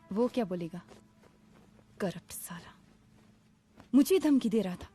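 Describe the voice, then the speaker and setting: A woman's voice: medium pitch, lively intonation, slow pace, warm tone, faint music behind. An actress playing a determined young female police officer in a Hindi film dub, speaking in a tense, clipped way. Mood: upset.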